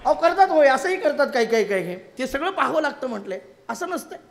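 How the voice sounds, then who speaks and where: A man giving a devotional discourse in Marathi, telling a story with playful, animated delivery, acting out the dialogue and rising suddenly in loudness. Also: very high-pitched, fast talker, gravelly. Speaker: kirtan preacher.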